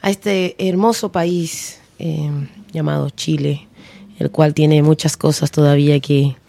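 A woman from Peru introducing herself on the radio in a lively, friendly way. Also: sits low, slow, creaky. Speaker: radio guest.

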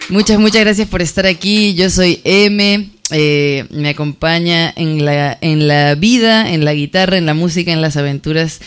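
A man, a singer-songwriter, speaking heartfelt on the radio with frequent pauses. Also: on the high side, steady tone, a bit bright, clean tone. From Peru. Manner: heartfelt, pausing often. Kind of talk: radio guest talk.

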